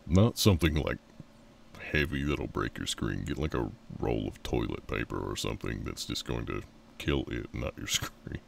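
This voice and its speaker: A man's voice: a bass voice, lively intonation, normal speed, gravelly, far from the mic, slight background noise. A man streaming a horror game live, chatting casually with his viewers and laughing often.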